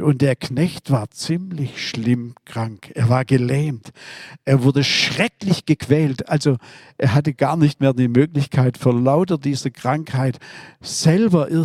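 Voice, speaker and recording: A man's voice: mid-range voice, a little mellow, no echo, studio quality. A man preaching a sermon, earnestly retelling Bible stories. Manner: earnest, storytelling, with fillers and restarts.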